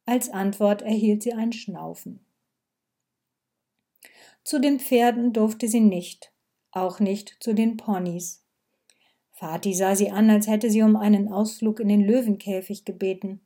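A woman narrating a story in a calm, measured read that sometimes sinks to a whisper. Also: medium pitch. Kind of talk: scripted narration.

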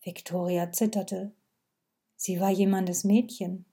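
A woman narrating a story in a calm, measured read that sometimes sinks to a whisper. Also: mid-range voice, husky. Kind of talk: scripted narration.

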